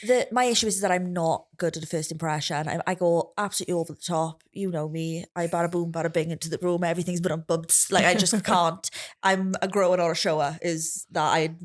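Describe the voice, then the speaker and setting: Playful woman with a lowish voice. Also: steady tone, a little fast, few pauses. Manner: playful, over-the-top, joking. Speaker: podcast guest. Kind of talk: casual chat.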